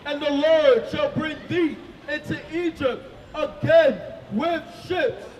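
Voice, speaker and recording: Male scripture reader, very high voice, slow declaiming shouts, muffled distant recording. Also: slight background noise. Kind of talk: reading scripture aloud. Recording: muffled, echoey, distant, faint crowd.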